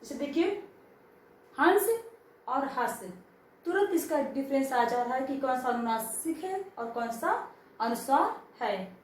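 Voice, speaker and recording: A woman's voice: sits high, animated, normal speed, darkish tone, far from the mic. Woman teacher in a very echoey room. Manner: asks children questions then answers them herself. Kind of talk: classroom grammar lesson.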